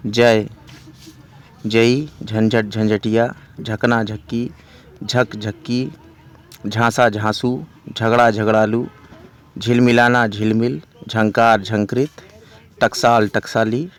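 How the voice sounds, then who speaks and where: A man teaching Hindi grammar, reciting long lists of word pairs in a steady, measured way. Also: lowish voice.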